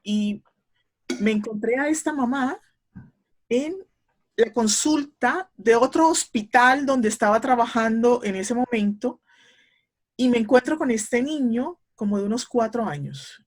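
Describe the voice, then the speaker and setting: A middle-aged woman speaks as an interview guest, laying out clinical points in a measured, teacherly manner. She pauses often with small hesitation fillers as she works through her explanation. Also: fairly high pitch, expressive. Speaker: speech therapist guest.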